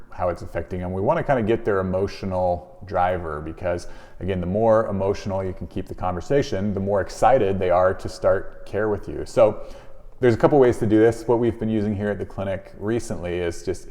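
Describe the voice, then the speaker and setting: A low-voiced man with a darkish tone, a chiropractor, presents a business advice video, talking informally to camera. He explains conversationally and voices example questions and replies, recorded in a very echoey room.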